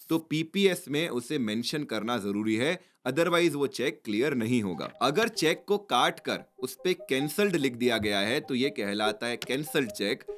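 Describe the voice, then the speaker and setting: A man with an Indian accent giving a scripted finance explainer in a brisk Hindi-English mix with lively emphasis. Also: mid-range voice.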